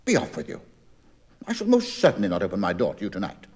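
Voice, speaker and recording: Man putting on a prissy young lady telling off a suitor, haughty and clipped, pitch jumping around a lot. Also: huge pitch swings, fast talker, darkish tone. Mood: indignant. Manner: haughty, scolding, prim. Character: prim, indignant young woman scolding from upstairs.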